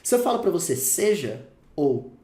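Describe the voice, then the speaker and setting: A man with a Brazilian Portuguese accent teaching English phrases in a casual lesson, lively and slowing down to repeat the examples. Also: on the high side, reverberant. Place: room with dogs barking outside.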